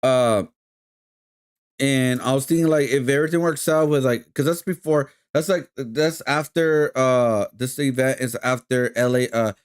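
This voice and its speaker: A man's voice: medium pitch, steady tone, measured pace, smooth. Male streamer, casual, rambling, filler-heavy, talks to chat. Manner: rambling, many fillers, keeps addressing chat as guys. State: hiccups.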